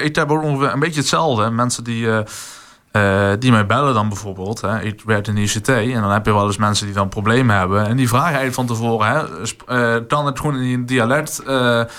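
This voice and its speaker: A man's voice: medium pitch, a little fast, fairly bright tone, clean tone. A young adult man hosting a casual interview, rambling and hesitant. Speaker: podcast host.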